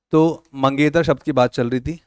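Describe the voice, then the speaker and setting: Clean, dry studio audio captures a man whose voice leans high as he teaches a class. He's playful, teasing and quizzing his students with questions, joking around and mixing with words.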